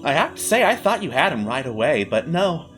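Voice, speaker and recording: A smug villainess acted out by a man in a tabletop game, taunting with mock politeness. The voice is bright and moves freely up and down, over faint music. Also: a little high, sing-song, a little fast. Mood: bored, taunting. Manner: taunting, condescending, theatrically polite. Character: smug, bored, theatrical villainess hosting a deadly game. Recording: background music under the voice.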